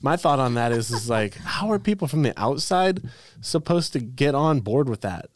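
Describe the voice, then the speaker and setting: A man's voice: mid-range voice, sing-song, moderate pace, no echo. Guy on a podcast, blunt and kinda irreverent, keeps restarting himself, dry close sound. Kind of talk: casual chat.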